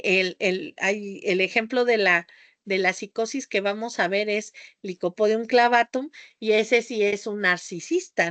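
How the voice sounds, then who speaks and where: Loud, theatrical woman teaching. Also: no echo. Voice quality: high-pitched voice, calls it a squeaky off-key whistle. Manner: theatrical, shifts her tone, talks loudly; scattered, jumps between topics with tangents. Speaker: homeopathy teacher. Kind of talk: lecture to a class.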